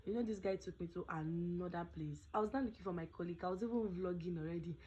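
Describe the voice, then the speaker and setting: A woman's voice: fairly low pitch, fast talker, dark tone, lo-fi sound, a little hiss or hum. A young Nigerian woman vlogging casually, chatting with pidgin phrases, her voice not fully recovered. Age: young adult. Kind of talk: casual storytelling vlog.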